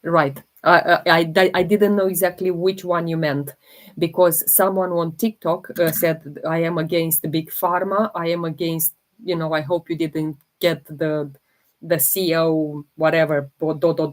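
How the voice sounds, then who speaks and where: A woman's voice: low voice, steady tone. A woman from Romania with a Romanian accent, hosting a holistic health livestream, talking casually and hesitantly while she demonstrates and answers viewer comments. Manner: slow, hesitant, many fillers while demonstrating.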